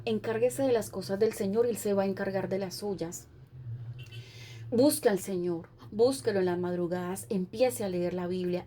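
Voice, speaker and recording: A woman's voice: mid-range voice, mellow, slight background noise. A woman pastor preaching a sermon with an earnest, repetitive cadence.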